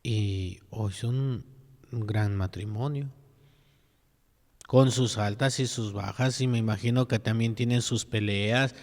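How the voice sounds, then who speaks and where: A priest preaching a sermon at mass, earnest and full of rhetorical questions. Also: male voice, lowish voice, steady tone, slow pace, darkish tone, long reverb tail.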